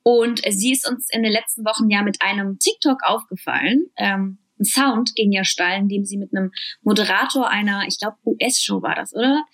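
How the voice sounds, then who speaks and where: A woman's voice: mid-range voice, moderate pace, fairly bright tone. A woman co-hosting a casual talk show, chatting loosely with many fillers and bits of English mixed in. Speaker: podcast co-host. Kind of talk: casual chat.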